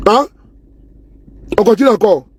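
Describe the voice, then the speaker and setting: High husky-voiced man ranting to camera. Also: lively intonation, unhurried. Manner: repetitive, scornful, keeps asking viewers "you see?". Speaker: political vlogger. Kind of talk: casual political commentary to camera. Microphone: phone or camera he handles himself.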